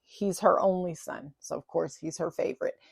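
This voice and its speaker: A woman with a somewhat low voice tells a personal story in a relaxed vlog monologue. Her delivery is chatty and animated, with playful self-teasing asides. The sound is close and dry, with no room echo. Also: moderate pace, gravelly, breathy edge. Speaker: vlogger telling a personal story.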